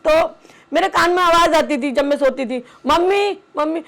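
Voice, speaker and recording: A middle-aged woman speaking haltingly, with many pauses, about her family as a mother. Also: high-pitched, vocal fry, fairly bright tone. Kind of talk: emotional personal testimony.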